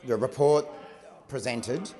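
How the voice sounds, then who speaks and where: A man with an Australian accent giving a formal parliamentary answer in a measured, carefully worded, somewhat hesitant way. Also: medium pitch, crowd noise. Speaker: government minister. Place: large parliamentary chamber. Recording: echoey chamber with long reverb.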